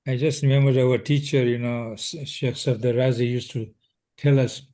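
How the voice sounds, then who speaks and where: A man, a student in an online class, asking a question haltingly while searching for words. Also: mid-range voice, steady tone, dark tone.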